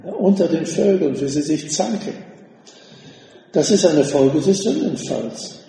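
A man delivers a sermon slowly and deliberately, his voice dark and gravelly. He sounds far from the microphone, with long reverb from a large room. Faint room ambience sits underneath. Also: on the high side, lively intonation, a little hiss or hum. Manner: slow, measured preaching with deliberate pauses. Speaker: preacher. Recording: echoey hall, voice from a distance.

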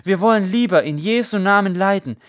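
A man voicing a gaunt condemned priest who preaches loudly to a crowd. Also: high voice, fairly quick, dry recording, clean studio sound, voice pushed up, close to an everyday voice. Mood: fervent. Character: gaunt condemned male priest, fervent and forgiving.

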